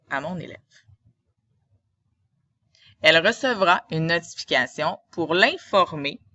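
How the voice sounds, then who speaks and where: A woman's voice: fairly low pitch, sharp tone, highs cut off. A woman with a Quebec French accent, a teacher narrating a screen tutorial in a didactic, step-by-step way.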